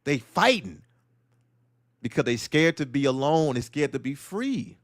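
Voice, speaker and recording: In clean studio sound with no echo, a man with a medium-pitched, sing-song voice delivers a solo livestream monologue at a measured pace. As host, he rants bluntly and preachily, hammering his point with rhetorical questions.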